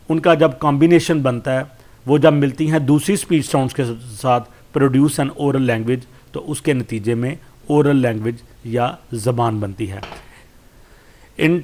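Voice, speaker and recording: A man with a Pakistani accent giving a study lesson. He reads English lines slowly and explains them, pausing often with fillers. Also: medium pitch. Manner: slow, deliberate reading with hesitant fillers. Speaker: lecturer.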